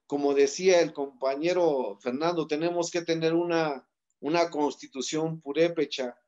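A man's voice: fairly high pitch, steady tone, moderate pace, darkish tone, dull audio. A man giving an impassioned public talk with a Mexican Spanish accent, building his points through rhythmic repeated lists. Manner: rhetorical, listing in rhythmic repetitions. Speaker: speaker at a community forum.

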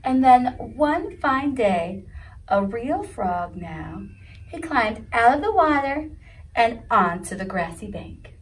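A woman's voice: on the high side, sing-song, slow pace, distant mic, low-quality recording. A woman leading a children's story time, reading a picture book aloud in a sing-song voice and asking the kids questions. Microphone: video recording.

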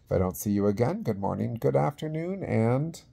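A man in his forties speaking as a casual awards presenter, halting and conversational, into a phone held at arm's length in a small room. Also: medium pitch, sing-song, vocal fry, dark tone, breathy edge. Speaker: vlog host presenting awards. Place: small indoor room with plain wall.

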